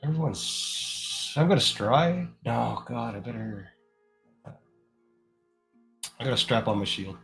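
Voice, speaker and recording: A man's voice: mid-range voice, expressive, takes it slowly, vocal fry, pauses often, fairly bright tone, soft background music, low-quality recording. A man talking casually as a player in a tabletop game.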